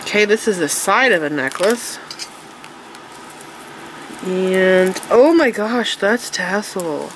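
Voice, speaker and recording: A woman with allergy congestion and a nasal sound chats enthusiastically while displaying her craft supplies at an indoor tabletop, her hands filmed from above. In her mid-range voice with lively intonation, she speaks slowly and pauses often, using fillers and restarts in casual show-and-tell fashion. The audio is poor, carrying a little hiss or hum.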